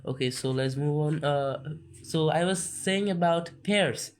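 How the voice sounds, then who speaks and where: Male reader, slow and halting, coughing, textbook read-along. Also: a little high, slight background noise. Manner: slow, halting, many restarts and fillers. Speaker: self-taught reader on a video channel. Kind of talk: reading a textbook aloud with explanations.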